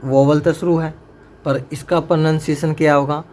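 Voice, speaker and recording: A man's voice: a little high, little pitch movement, moderate pace, a little mellow. A male teacher, teaching a grammar lesson to a class and drilling his students with repeated questions. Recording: faint background noise.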